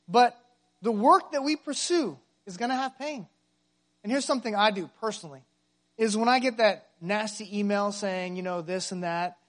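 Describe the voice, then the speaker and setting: High-voiced man preaching a sermon. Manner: emphatic, asks the congregation rhetorical questions. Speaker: pastor.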